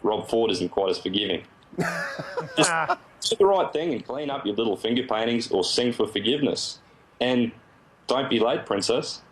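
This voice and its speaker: A man's voice: mid-range voice, expressive, normal speed, rough recording. An Australian man with an Australian accent delivering a sarcastic, mock-threatening recorded video message.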